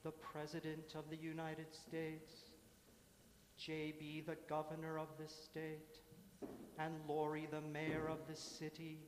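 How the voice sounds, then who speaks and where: A man intones a slow litany in a single unchanging line, his slightly high voice barely moving. Long reverb fills a large church around him, with faint ambience behind. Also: slight background noise. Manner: slow, measured, monotone intoning. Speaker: worship leader. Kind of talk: chanted litany prayer. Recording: echoey hall, mic from afar.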